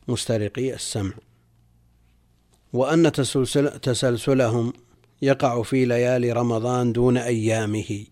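Male religious scholar, mid-pitched, explaining texts. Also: warm tone. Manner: mostly formal Arabic with colloquial asides, repeats phrases for explanation. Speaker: religious scholar, guest on the program. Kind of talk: scholarly explanation with readings from commentaries.

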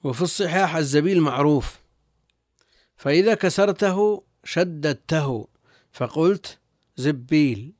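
A man's voice: on the high side, unhurried, pauses often, a little mellow, no echo, clean studio sound. A male religious scholar reading and explaining texts in formal classical Arabic, repeating phrases as he goes. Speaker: religious scholar, guest teacher.

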